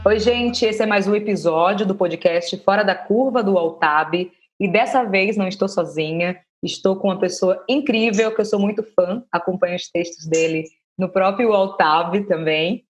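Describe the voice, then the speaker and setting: A woman's voice: medium pitch, normal speed, hardly any pauses. A woman in her twenties from Salvador, Brazil, hosting a podcast interview with enthusiasm and thinking aloud as she asks questions. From Salvador, Bahia, Brazil. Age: 20s. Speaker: podcast host.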